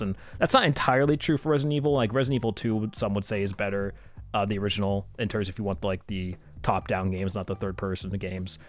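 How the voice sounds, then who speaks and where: Casual enthusiastic male streamer over music. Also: on the low side. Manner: enthusiastic, profane, laughs while talking. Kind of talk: casual livestream commentary.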